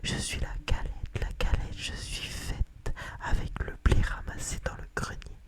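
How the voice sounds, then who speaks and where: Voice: unhurried, close to an everyday voice. A narrator voicing a cheeky runaway galette with a taunting little song, in whispered role-play. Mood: playful, taunting.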